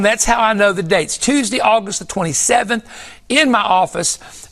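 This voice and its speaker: High-voiced older preacher giving testimony. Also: male voice, fairly bright tone. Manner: earnest storytelling with emphatic repetition. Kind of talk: testimony sermon.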